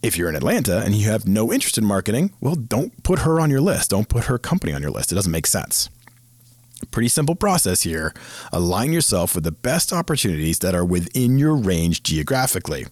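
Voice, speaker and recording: A man hosting a career advice podcast, talking fast in a casual, chatty way. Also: lowish voice, sing-song, a little mellow, no echo. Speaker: podcast host.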